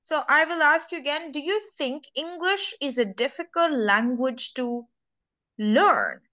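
In a mock speaking test, a young English teacher slowly repeats her questions and key words many times, patient and coaxing. Her high voice is expressive, pushed and bright, and her pace is a little slow.

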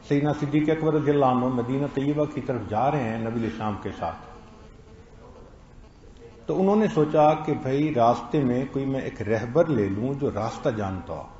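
Male preacher, sermon, slow and deliberate, mellow tone, echoey room, dull lo-fi recording. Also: medium pitch. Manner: slow, storytelling delivery with acted-out quotes. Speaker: Islamic preacher.

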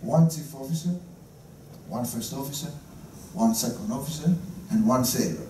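A man's voice: medium pitch, moderate pace, dark tone, slight background noise. A middle-aged man with a Greek accent, a ship captain giving a joking talk to guests on the bridge and chuckling at his own punchlines. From Greece. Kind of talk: humorous guided talk to guests. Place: ship's bridge, indoors. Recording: echoey room, from far off.

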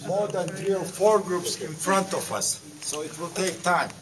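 A man working as a tour guide, explaining things to a group in halting short phrases, with an echoing cave sound. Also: high-pitched. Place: underground rock-cut tunnels and chambers. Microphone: handheld camera some distance away. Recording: echoey cave, distant handheld camera mic, crowd. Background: tour group chatter.

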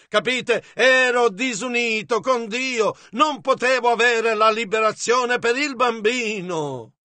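A man interpreting a sermon line by line in a measured, steady delivery, as a close-miked voice-over. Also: very high voice, no echo.

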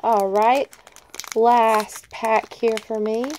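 Speaking very slowly in a slightly high, level, a little mellow voice, this woman hosts a card-opening channel, opening trading card packs over slight background noise. Nasal and recovering from a cold, she chats casually, reading the cards one at a time and laughing lightly.

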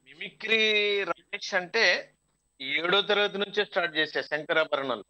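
A man with a high, bright voice who works as a mimicry artist, speaking as a guest on a radio show. He chats in a storytelling way, and his voice sounds dull, as if it is coming over a phone line. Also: measured pace. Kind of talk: casual interview chat.

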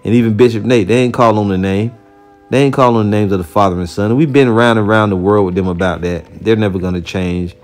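A man giving an informal preaching commentary, blunt and heated with casual profanity, who reads scripture aloud slowly and deliberately. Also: fairly low pitch, steady tone, soft background music. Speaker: religious teacher reacting to a video.

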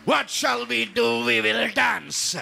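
A male pastor with a high, bright, gravelly voice preaches at a healing service. He blesses people with emphatic repeated phrases and sometimes bursts into song or a shout. Soft music plays behind him. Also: slow.

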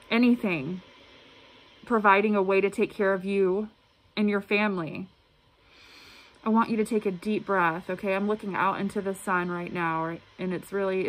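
A woman speaking through a face mask, slightly muffled, giving a casual, halting and earnest tarot reading to camera. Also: medium pitch, fairly bright tone. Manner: halting, earnest, repeats words. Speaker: tarot reader. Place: indoor room at a table. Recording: clearly noisy room recording.

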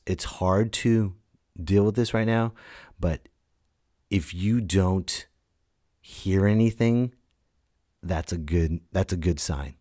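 Heard in clean studio sound with no room sound, a man's low, slightly mellow voice hosts a solo podcast. He's in his late thirties, ranting and storytelling casually in a blunt, emphatic manner, swearing and acting out quotes.

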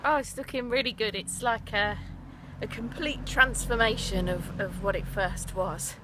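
A woman's voice: mid-range voice, a little slow. A young woman chatting casually and asking friendly, prompting questions. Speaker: family member asking questions. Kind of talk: casual chat. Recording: clear background noise.

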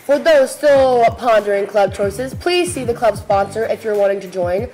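Teenage girl, school announcements, a bit high-pitched, chatty, playful, faint music behind. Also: animated, moderate pace, a little mellow, low-quality recording. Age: teens. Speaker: student news co-host. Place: small school video studio, seated at desk.

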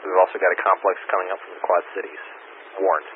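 Male net control operator, low voice, tinny static-heavy radio transmission. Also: monotone, fast talker. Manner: procedural, reads warnings aloud. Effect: radio transmission with room static. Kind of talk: amateur radio weather net. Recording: static-filled thin radio line.

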